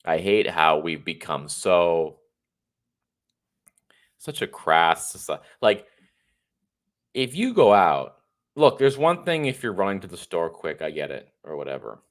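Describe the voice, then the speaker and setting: Hosting a laid-back political livestream solo, this thirtysomething man sounds stuffy and somewhat weary. His low, sing-song voice moves at a measured pace with long pauses as he rambles chattily and voices strong opinions.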